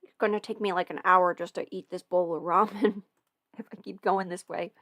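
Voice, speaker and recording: A young woman in her twenties hosts a casual livestream Q&A at home while eating ramen, speaking close to the mic with a rambling, giggly style and plenty of fillers. Her lowish voice has fairly even intonation at a normal speed, somewhat bright, in a dry recording.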